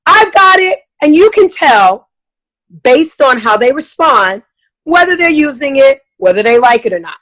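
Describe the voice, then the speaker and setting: A woman's voice: sits high, sing-song, unhurried, fairly bright tone, rough recording. A middle-aged woman giving a casual, emphatic talk as a sales trainer, now and then acting out customer voices.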